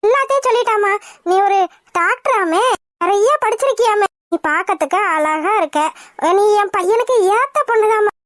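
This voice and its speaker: A woman's voice: extremely high pitch, a bit bright, no room sound, clean studio sound. A woman voicing a domineering, scornful older village mother in a cartoon, talking harshly and contemptuously. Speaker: hero's mother. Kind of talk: cartoon voice acting.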